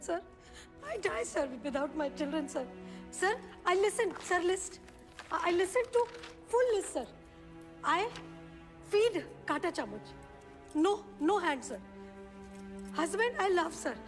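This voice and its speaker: An actress playing a desperate mother with a Bengali accent, begging a court for her children in broken English. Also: very high voice. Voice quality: broken English, pleading, breathless repetition. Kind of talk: film drama. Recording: reverberant film mix with music.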